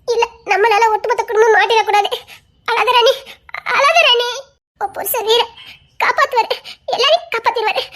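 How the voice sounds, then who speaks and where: A woman performing every role in a family audio drama, moving between frightened, pleading and stern characters, with breaks of laughing and crying. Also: very high voice. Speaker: storyteller voicing every character.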